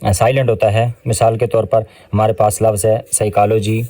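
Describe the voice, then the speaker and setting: Man, Pakistani Urdu accent, English test-prep tutor, mellow dry voice, slow deliberate readings, pauses often. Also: lowish voice, flat delivery, no echo. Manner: explains step by step with frequent fillers. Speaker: English teacher. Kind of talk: test-prep lesson explaining answers.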